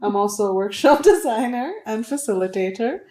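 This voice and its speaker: A woman's voice: on the high side, expressive, fairly quick, roomy sound. A woman who grew up in India, a workshop facilitator, chatting casually and joking about herself with frequent laughter. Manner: warm, self-mocking, laughs often. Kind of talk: casual chat.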